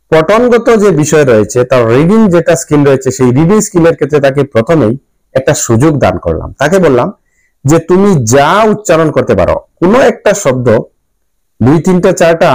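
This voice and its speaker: A man's fairly high voice with a Bangladeshi Bengali accent, speaking as a teacher who earnestly walks through his work with a pupil and circles back over his phrases. The sound is close and dry, with no room behind it. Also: a little mellow, no room sound, poor audio. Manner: earnest, explanatory, repeats phrases as he goes. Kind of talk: spoken account to camera.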